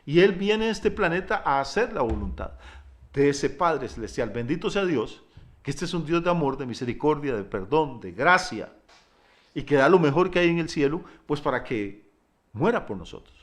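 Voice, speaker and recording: A middle-aged man preaching a sermon as pastor, emphatic, moving between loud declarations and quiet asides, stacking up lists of words. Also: a little high, sing-song, moderate pace. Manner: repeats words, piles up lists.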